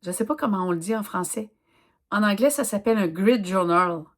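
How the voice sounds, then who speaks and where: A woman with a Québécois French accent chatting casually as she works in her art journal, thinking aloud with many pauses and fillers. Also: medium pitch, expressive. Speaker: craft vlogger. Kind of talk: casual chat while crafting.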